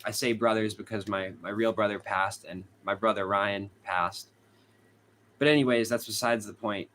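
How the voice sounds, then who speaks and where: This young man's voice is fairly low and a bit bright, with fairly even intonation at a normal speed, and a little hiss or hum in the background. He hosts a true crime channel with a Boston accent, casually livestreaming from a hot room at home, reading comments aloud and laughing often.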